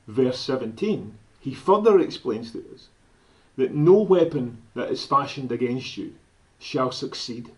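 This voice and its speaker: A Scottish man speaks straight to camera in an earnest appeal, measured and unhurried, with a mid-range voice. He leans on scripture and lets each phrase land slowly. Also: mid-range voice, low-quality recording. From Scotland. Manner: slow, deliberate, quotes scripture. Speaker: director of an advocacy group.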